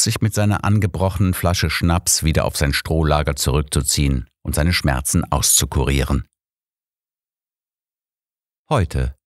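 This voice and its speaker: A man's voice: a bass voice, dry recording, clean studio sound. A man giving scripted first-person narration of a story as an audiobook narrator. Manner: storytelling, expressive.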